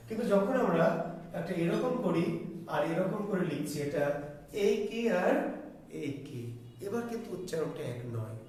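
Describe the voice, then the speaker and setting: A man's voice: high voice, darkish tone. A man teaching a grammar lesson who asks questions and answers them himself, checking in with the class often. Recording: very echoey room, distant mic, faint hiss.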